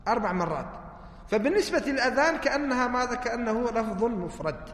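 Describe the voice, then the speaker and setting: A man's voice: very high-pitched, expressive, fast talker, fairly bright tone. A man, a religious teacher lecturing on hadith texts, who keeps asking rhetorical questions and answering them himself. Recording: echoey hall reverb.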